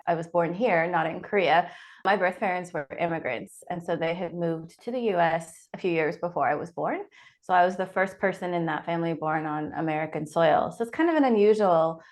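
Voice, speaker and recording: A woman in her forties from the Pacific Northwest, with a lowish voice and a fairly quick pace, answers interview questions as an author guest. She is reflective and thinks aloud, often restarting her sentences.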